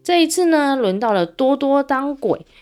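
A woman narrating a children's story, gentle and animated, asking young listeners questions. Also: high voice, moderate pace, soft background music.

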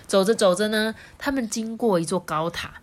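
A woman reading a picture book aloud for children, playful and quick to laugh. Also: medium pitch. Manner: playful, laughing, lively voice changes. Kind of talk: animated children's story reading.

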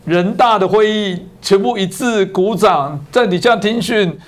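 A male talk show host who speaks in an animated, sarcastic way and presses his points hard. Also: sits high, a little slow. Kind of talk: political talk show chat.

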